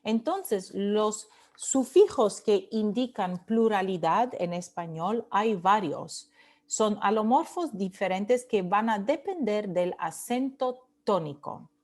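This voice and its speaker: Woman teacher going over spanish grammar really slowly, repeats words to show stress, mixes in english. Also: mid-range voice, animated, darkish tone. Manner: slow, explanatory, repeats words to model stress. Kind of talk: lecture mixing Spanish and English.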